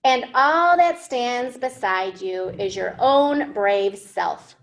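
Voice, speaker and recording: Leading storytime in an indoor library room, a children's librarian in her thirties reads a picture book expressively to young learners, pausing for simple questions and explanations. Her slightly high voice has lively intonation and a slow pace, and the audio quality is poor.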